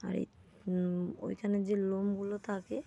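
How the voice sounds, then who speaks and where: A woman's voice: mid-range voice, little pitch movement, normal speed, gravelly, mellow, dull audio. Tired, unwell woman vlogging from home. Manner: tired and unwell, talking through her day. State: sick, sore throat. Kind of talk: casual daily vlog. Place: at home, indoors.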